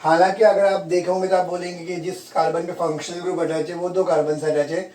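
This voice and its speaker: Male chemistry teacher, Hindi-English mix, mellow higher voice, roomy sound from a distance. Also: level tone, quick pace. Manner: asks students questions and repeats key terms. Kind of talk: classroom lecture. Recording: echoey room, from far off.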